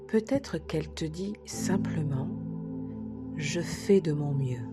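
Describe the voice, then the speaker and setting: A woman sophrologist leading a guided relaxation session, speaking softly and soothingly, sometimes dropping to a whisper. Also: sits low, animated. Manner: soft, slow, soothing guidance, drops to a whisper at times. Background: soft background music.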